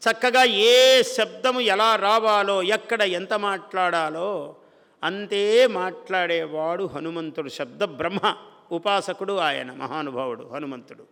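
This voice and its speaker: A man's voice: high-pitched, a little slow, vocal fry, pushed and bright, in a large hall. A man from India giving a devotional discourse. He chants verses and then explains them plainly, often asking a question and answering it himself. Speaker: spiritual speaker.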